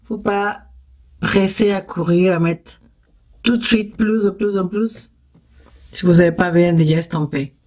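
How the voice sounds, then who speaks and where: A woman's voice: on the low side, fairly even intonation, measured pace, pauses often, darkish tone. A woman with a Spanish accent, Spanish her first language, hosting a step-by-step makeup tutorial in a chatty, encouraging way, talking straight to her viewers and making little "tac" sounds as she works.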